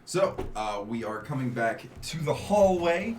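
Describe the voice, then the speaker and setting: A man running a tabletop game as game master, narrating in a relaxed, chatty way and laughing easily. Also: mid-range voice, unhurried. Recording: echoey room with faint noise.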